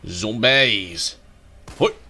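Dude doing a let's play, snarky and cussing a lot, kinda low voice. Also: male voice, extremely slow, sharp tone. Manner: sarcastic, profane, joking. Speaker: gaming channel host.

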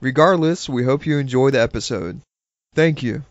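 A man reading a scripted show intro in a measured way, through low-quality, muffled audio. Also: no room sound. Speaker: show announcer. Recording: dull lo-fi audio under loud music.

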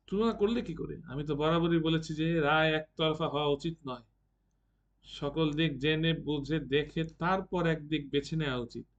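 A man voicing a drunken young male warrior who taunts and mocks in a low, soft voice. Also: lo-fi sound, lightly acted.

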